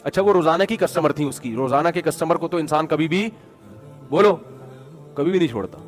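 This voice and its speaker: A man's voice: a little high, lively intonation, soft background music. A man giving moral advice through stories, in a conversational way, often calling his listeners brother. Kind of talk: storytelling advice talk.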